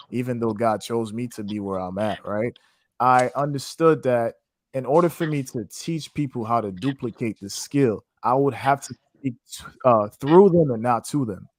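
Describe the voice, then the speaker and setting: Casual and fervent, a man from Haiti who teaches trading answers an interview in a preacher-like style, full of faith and sprinkled with "man" and "you know what I'm saying." His voice is medium-pitched, recorded without echo.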